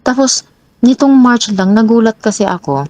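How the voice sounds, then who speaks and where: A young woman telling her own troubling story as a guest, growing animated and restarting often as she recounts arguments. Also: normal speed, no echo. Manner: animated, pitch jumps high when retelling arguments; frequent restarts and repeated words. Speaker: guest sharing a personal story. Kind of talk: emotional personal storytelling.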